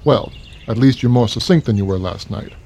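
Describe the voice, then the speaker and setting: A man voicing a gruff, wisecracking police officer who needles his friend. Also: mid-range voice, a little fast, mellow, a little hiss or hum, natural voice. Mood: needling. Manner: dry, needling, complaining. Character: gruff, wisecracking middle-aged male cop.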